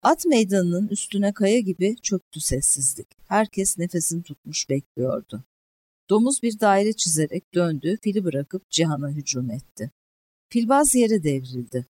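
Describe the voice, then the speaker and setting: A narrator reading a historical novel aloud as a steady audiobook narration, lifting the voice on key moments. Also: mid-range voice, dry recording. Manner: measured storytelling with lifted emphasis on key moments.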